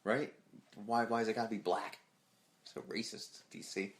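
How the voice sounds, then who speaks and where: A man with a very low, deep voice co-hosts a casual podcast, speaking briskly and excitedly. He swears freely and acts out little quoted lines as he talks.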